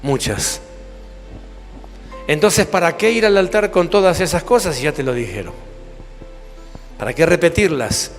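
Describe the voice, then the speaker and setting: Fervent Argentine preacher, ringing hall. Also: male voice, on the high side, expressive, unhurried, pauses often. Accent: Rioplatense Spanish. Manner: fervent preaching, rhetorical questions to the congregation. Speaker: apostle preaching. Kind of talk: sermon. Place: church hall. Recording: long reverb, music behind.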